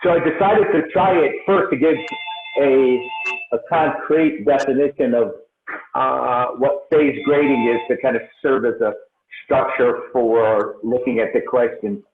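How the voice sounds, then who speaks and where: A man gives a formal presentation over a remote call, his voice echoing as if from inside a tunnel or underwater. The line is tinny and phone-like, with a hollow roomy ring. He speaks hesitantly, filling pauses with frequent "uh"s. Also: medium pitch, steady tone. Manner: hesitant, many filler pauses. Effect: echoing tunnel sound, as if underwater. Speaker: presenter at a meeting. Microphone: remote call from a computer. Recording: echoey tinny video-call audio.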